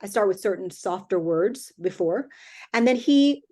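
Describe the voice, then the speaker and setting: A woman's voice: medium pitch, lively intonation, a little slow, mellow. A middle-aged woman from Jamaica with a Jamaican accent, chatting easily as a guest in an interview, often laughing. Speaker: guest, company founder. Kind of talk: casual interview talk.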